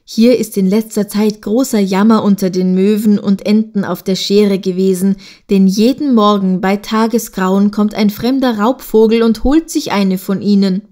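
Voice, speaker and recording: A woman's voice: mid-range voice, fairly even intonation, normal speed, hardly any pauses, warm tone, close to an everyday voice. Storybook goose sister, spiteful, brags about her sweetheart, as a woman reads her. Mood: scheming.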